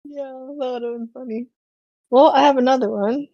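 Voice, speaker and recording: A woman co-hosting a casual book-club podcast, giving short replies and quick laughs on a close mic. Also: high voice, steady tone, no room sound, muffled recording. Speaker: podcast co-host.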